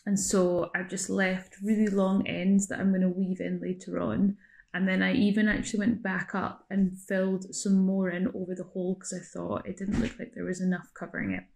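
A woman's voice: mid-range voice, flat delivery, moderate pace, vocal fry, darkish tone. A young woman, demonstrating a craft in a casual, chatty way, often correcting herself mid-sentence and thinking aloud. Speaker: craft tutor. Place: small room indoors.

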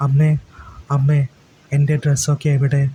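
Hot-tempered big sister, man reading her, flat and dark, kinda clipped. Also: mid-range voice, moderate pace, slight background noise, close to an everyday voice. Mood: annoyed. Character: hot-tempered young woman, elder sister.

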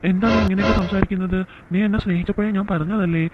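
A woman's voice: medium pitch, fairly even intonation, very fast, over loud music, pitched below the performer's own voice, natural voice. A woman putting on a young husband's voice, tinny. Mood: exasperated. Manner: earnest, then scolding. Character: young working man, patient son and husband, exasperated. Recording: tinny phone-like sound with faint hiss.

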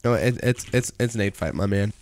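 Playing a video game on a live stream, a young man chats casually, reads the chat out loud, and bursts into excited outbursts. His voice is on the low side, and he talks at a normal speed.

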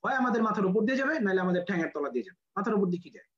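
Brisk Bangladeshi lecturer who drills the class with quick questions, recorded in a roomy, echoey space. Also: medium pitch, expressive, muffled recording, a crowd in the background. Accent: Bangladeshi Bengali. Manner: quizzes students with rhetorical questions, repeats key numbers. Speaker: medical admission physics lecturer.

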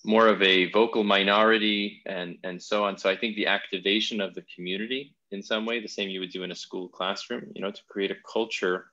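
A man's voice: on the low side, fairly even intonation, a little fast, hardly any pauses, bright, forceful tone, muffled recording. A man hosting a podcast interview, talking in an enthusiastic, thoughtful way with frequent restarts. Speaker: podcast host. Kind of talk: casual interview chat.

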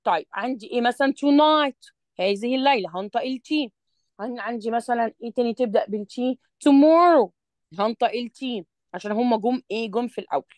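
A woman tutors a student one-on-one in English revision, her fairly high, a little mellow voice captured with no room sound. She has an Egyptian Arabic accent, reads each English sentence slowly and carefully, and keeps patiently checking that her explanations land.

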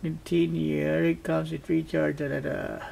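A man casually narrating a product test as a reviewer, haltingly thinking aloud. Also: fairly high pitch, flat delivery, gravelly, a little mellow. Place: indoors at a tabletop. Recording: faint background noise.

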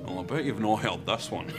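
An actor with a Scottish accent playing a jovial, pushy company boss telling jokes in sketch comedy, chuckling heartily. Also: male voice, fairly low pitch, big pitch swings, moderate pace, music in the background.

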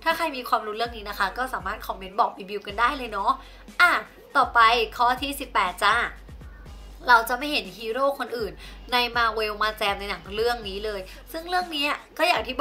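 A woman's voice: fairly high pitch, pushed and bright. A young woman vlogger chatting casually through a numbered movie rundown, with polite particles at the end of her sentences.

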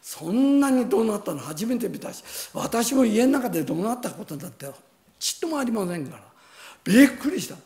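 An older man, a pastor, preaching a sermon by telling a personal story in an animated way, with sound words and chuckles. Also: high voice, moderate pace.

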